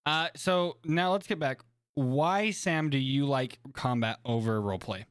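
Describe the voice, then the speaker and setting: A man's voice: mid-range voice, measured pace, slight background noise. A man co-hosting a casual podcast chat, talking in a teasing, chatty way. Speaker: podcast co-host.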